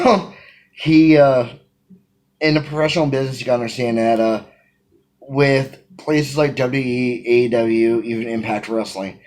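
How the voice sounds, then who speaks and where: The audio is poor as a wrestling manager in his thirties, with a mid-range voice, answers interview questions he reads aloud. He films himself on a phone camera at arm's length in a small room at home, speaking with energy and emphasis and gesturing a lot.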